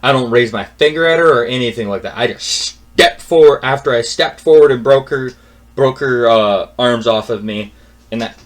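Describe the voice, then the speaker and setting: A young man recounts a personal episode as a casual, exasperated rant that circles back on itself. His mid-range voice keeps a moderate pace, drops to a mutter, then gets loud.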